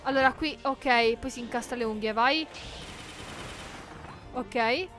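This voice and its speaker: Bright high-voiced woman gamer. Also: takes it slowly, faint music behind. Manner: chatty, jokey, shrieks in panic during fights. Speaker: gaming YouTuber. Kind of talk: let's play commentary.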